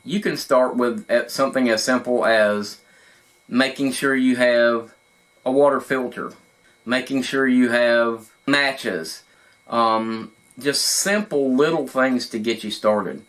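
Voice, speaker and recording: A man's voice: mid-range voice, slow, a bit bright. A man hosting a video, speaking casually to the camera in an informal, folksy way, recorded in an echoey untreated room. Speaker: host of a prepping video channel. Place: indoor studio not set up for recording.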